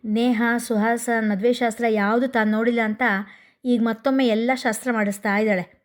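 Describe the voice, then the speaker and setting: A woman's voice: fairly high pitch, steady tone, moderate pace, close to an everyday voice. A woman voicing a jovial middle-aged man who teases his friends with a laugh. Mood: teasing. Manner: teasing, laughing.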